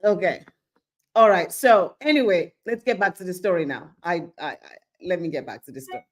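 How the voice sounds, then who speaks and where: A brisk, lowish-voiced woman from Nigeria preaches a Bible lesson in sermon fashion. She is lively, performs little scenes, asks rhetorical questions, and checks in again and again with "okay?".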